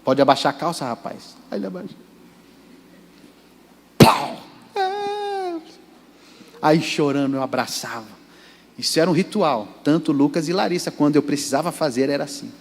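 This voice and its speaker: A Brazilian pastor delivers an emphatic sermon in a fairly high voice, calling out directly to his listeners. The sound rings with the long reverb of a church sanctuary. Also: very animated, normal speed, pauses often, slight background noise. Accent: Brazilian Portuguese. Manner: emphatic, addresses the congregation directly.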